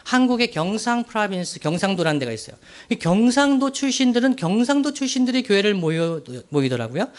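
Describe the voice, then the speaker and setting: A man from Daegu preaching a sermon as pastor, in earnest, slow, emphatic phrases with questions to the congregation. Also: high-pitched, very animated. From Daegu, South Korea.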